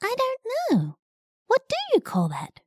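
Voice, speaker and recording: A woman voicing a cheery little caterpillar with a squeaky, sing-song and delighted manner, in a children's story. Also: huge pitch swings, a little slow, no room sound, clean studio sound, heavily acted.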